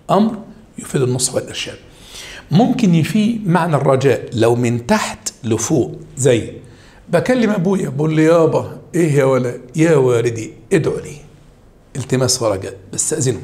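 Reviewing Arabic rhetoric with high schoolers, an Egyptian-accented teacher keeps the energy high. He calls his students by affectionate pet names to coax them along.

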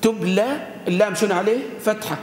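A man teaching grammar to a class, speaking, repeating and stretching out word forms slowly and quizzing his students. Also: high voice. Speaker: sheikh teaching Arabic grammar. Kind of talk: classroom grammar lesson with student call-and-response. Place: lecture hall with students. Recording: echoey hall with faint ambient noise.

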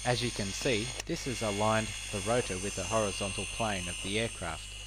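Guy with a lowish voice doing calm scripted flight training narration, explains step by step. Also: very noisy. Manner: measured, explanatory. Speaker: flight instructor.

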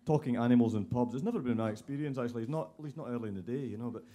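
A man's voice: medium pitch, very fast. A man from a folk band telling pub jokes between songs at a live concert, acting out the characters as he goes. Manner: lively storyteller, voices characters in his jokes. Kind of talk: live stage banter and joke telling. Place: live concert venue with an audience.

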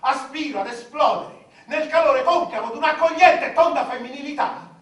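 A man's voice: extremely high pitch, normal speed. An actor playing a petulant, lustful, pompous king, declaiming in absurdist stage comedy. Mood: anguished ranting. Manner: pompous declamation, swinging into shouts. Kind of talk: absurdist comic stage theatre. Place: theatre stage with audience. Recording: echoey theatre, distant microphone.

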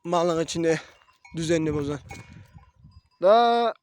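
A young man with a voice hoarse from a cold, chatting casually to viewers from a mountain pasture. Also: high voice, fairly even intonation, measured pace, a little mellow. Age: young adult. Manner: talks to viewers as friends, calls to his animals. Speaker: shepherd vlogger. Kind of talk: casual vlog narration outdoors. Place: mountain pasture outdoors, wind.

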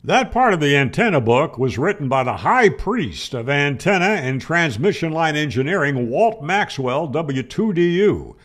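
In this technical lecture to camera, an older ham radio explainer, around 60 to 70, asks questions and answers them firmly. His fairly high, fairly bright voice takes big pitch swings and flows at normal speed with few pauses. He's indoors in a small home room, close to a boom-arm studio mic.

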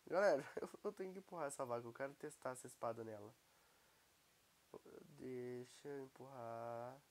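A young man with a Brazilian Portuguese accent, commenting casually and excitably on his gameplay while he has a cold. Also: mid-range voice, moderate pace. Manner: excitable, exclaiming at the screen. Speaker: gaming YouTuber.

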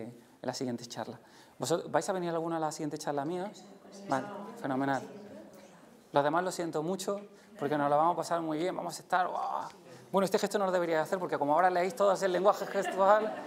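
A man with a Spain Spanish accent giving a live lecture to an audience, lively and demonstrative, jumping his voice up and down to show emotions. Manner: lively, demonstrates voices with big pitch jumps. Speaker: conference speaker. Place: lecture room.

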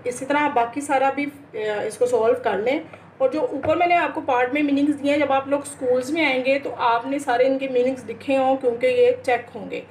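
Slow, patient woman teaching a class. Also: high voice, steady tone, a little mellow, slight background noise. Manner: reads English sentences slowly and deliberately, then explains them at length; patient explaining tone with small hesitations. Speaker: English teacher. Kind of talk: recorded class lecture.

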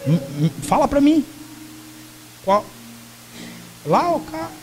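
A man pastor ministering at a church altar, giving quick commanding orders to helpers and to a woman in front of him. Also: very high voice, big pitch swings, rough recording. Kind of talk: prophetic ministry at a church service. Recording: live church recording with loud music behind. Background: music playing.

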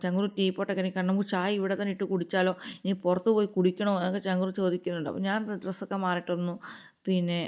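Chatty, gravelly-voiced young woman. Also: mid-range voice. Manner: rambling, chatty storytelling. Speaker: family vlogger. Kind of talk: casual voice-over narration. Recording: slightly dull lo-fi recording.

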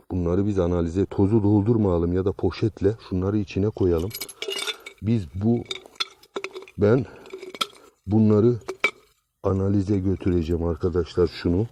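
Excited man with a dark, mellow voice. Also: low voice, highs cut off, a little hiss or hum. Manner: exclaiming, repeating short phrases, often dropping to a hushed voice. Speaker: treasure-hunting video host. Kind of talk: excited outdoor vlog commentary. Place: outdoors by a tree in sunlight.

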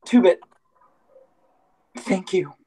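A woman playing a shy teenage greaser boy in a school play, who speaks haltingly and stammers through her lines. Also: dark tone, low-quality recording. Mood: timid. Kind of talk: school play read remotely.

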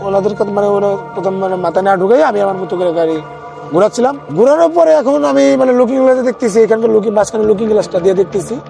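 An ambulance driver recounts his own experience in a casual, rambling first-person story, frequently starting his sentences over. His voice is high, gravelly and warm, and faint music plays in the background.

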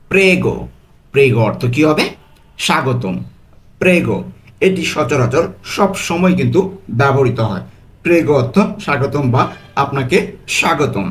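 A man teaching a quiz-style language lesson, repeating each phrase and saying the foreign words very slowly and carefully. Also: mid-range voice.

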